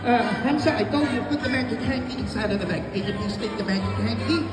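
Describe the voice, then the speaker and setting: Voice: medium pitch, fast talker, distant mic. A kids party magician doing playful live show patter, coaxing children with simple repeated instructions and showy announcements in a shopping mall. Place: large indoor shopping mall event space. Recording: echoey mall hall from afar, loud music and crowd.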